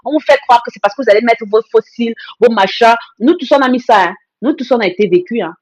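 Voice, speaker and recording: A woman's voice: fairly high pitch, quick pace. A woman hosting a live stream, talking in a blunt, emphatic way with lots of repeated phrases and greetings to viewer comments. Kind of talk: casual live-stream monologue.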